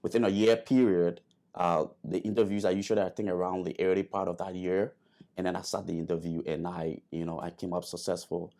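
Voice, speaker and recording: A man's voice: low voice, level tone, fairly quick, mellow. A man, a guest telling his story in an interview, hesitant with many fillers and restarts. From Liberia. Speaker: guest, airman.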